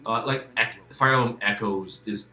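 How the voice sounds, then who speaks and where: A man's voice: lowish voice, normal speed, bright, forceful tone, echoey room. A man who is a guest in a casual game discussion, repeating words as he restarts and swearing emphatically.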